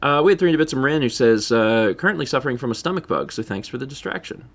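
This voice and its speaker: A man's voice: medium pitch, expressive, quick pace. A man chatting casually on his livestream, laughing often and reading out viewer donations. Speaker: streamer.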